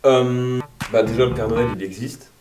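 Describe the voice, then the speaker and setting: A man's voice: medium pitch, fairly even intonation, normal speed. Young man ranting in a roomy room. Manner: crude, self-mocking, bursts into mock-angry shouting. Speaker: YouTuber answering viewer questions. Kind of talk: casual Q&A vlog. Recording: roomy sound from a distant mic with music. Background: background music.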